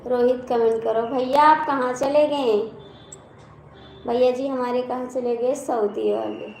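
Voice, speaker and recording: High-voiced Awadhi woman chatting on a live stream. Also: fairly even intonation, unhurried, gravelly, a little mellow. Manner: chatty, teasing, reads out comments. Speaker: live-stream host and folk singer. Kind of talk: casual live-stream chat with viewers. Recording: echoey room with faint background noise.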